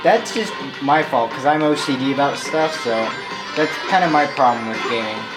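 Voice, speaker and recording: A young man giving casual, excitable, rambling commentary on a game he is playing. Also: mid-range voice, moderate pace, poor audio. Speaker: gameplay commentator. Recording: loud game music behind.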